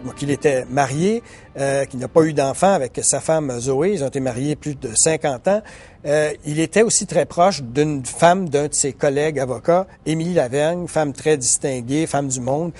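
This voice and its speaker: A man's voice: on the high side, a little mellow. A man, a journalist and biographer, explaining his work in an interview with frequent hesitations and restarts. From Quebec, Canada. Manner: hesitant, many fillers and restarts. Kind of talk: recorded interview, thoughtful explanation.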